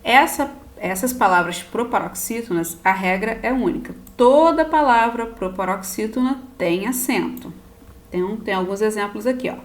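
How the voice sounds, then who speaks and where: A woman's voice: mid-range voice, expressive, normal speed. A woman teacher with a Brazilian Portuguese accent gives a recorded lesson, patiently spelling out word endings one at a time. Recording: roomy echo.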